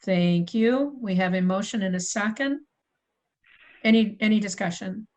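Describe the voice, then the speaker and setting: A woman's voice: medium pitch, measured pace, darkish tone, rough recording. Woman running a city committee meeting on a video call, reads the agenda, keeps fixing her own slips. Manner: procedural, apologetic, self-correcting. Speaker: committee chair. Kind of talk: formal meeting chairing.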